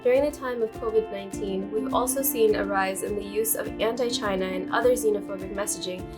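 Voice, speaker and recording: A woman reads a serious self-recorded statement at a quick clip. Music plays clearly behind her. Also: mid-range voice, fairly even intonation.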